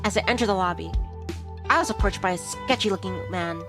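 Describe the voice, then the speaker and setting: Game music runs under a brisk, medium-pitched woman's voice. She's a VTuber game streamer dramatically reading a visual novel aloud, handling both the narration and the character voices.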